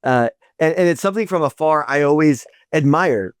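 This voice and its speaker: Man hosting, raised-pitch conversational voice. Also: lively intonation, moderate pace, clear, resonant tone, no echo, clean studio sound. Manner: admiring, with frequent restarts and filler words. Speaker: podcast host. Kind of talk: interview conversation.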